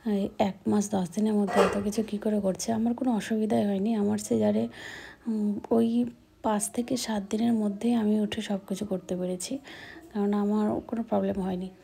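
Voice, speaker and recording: A young woman vlogging at home, speaking softly and often whispering. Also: mid-range voice, creaky, slight background noise. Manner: baby talk to her infant. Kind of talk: casual vlog chat.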